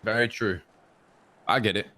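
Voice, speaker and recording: A man's voice: on the low side, fairly even intonation, normal speed, pushed and bright. A man chatting casually in a game roleplay, understated and conciliatory. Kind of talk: casual in-character gaming roleplay chat.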